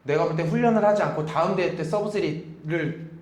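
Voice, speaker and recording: A man's voice: a little high, a little fast, roomy sound. A man chatting casually as a running coach, explaining things emphatically. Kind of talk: casual chat about running training.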